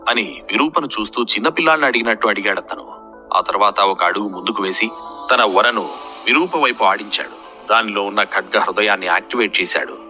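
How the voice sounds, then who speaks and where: A man narrating a fantasy serial in a steady, dramatic storytelling manner. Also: fairly low pitch.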